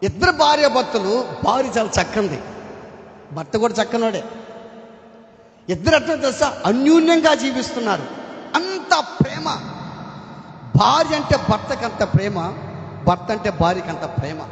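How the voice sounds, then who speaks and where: A man preaching a sermon as pastor, emphatic and repetitive, at times shouting. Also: very high-pitched, expressive, normal speed, long pauses. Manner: emphatic preaching, repeats phrases, bursts into shouting. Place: church hall. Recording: echoey hall with long reverb.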